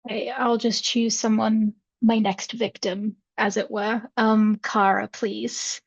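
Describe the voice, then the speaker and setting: Flat-voiced woman hosting over dull audio. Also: a little high, takes it slowly, creaky, dry recording. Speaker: anthology compiler and host. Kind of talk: hosting a live stream.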